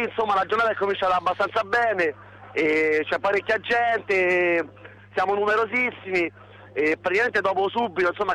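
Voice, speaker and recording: Bright-voiced man reporting by phone. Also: high-pitched, slight background noise, rough recording. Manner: casual report with many fillers. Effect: heard over the phone. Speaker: activist calling in from a protest. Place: outdoors at a protest.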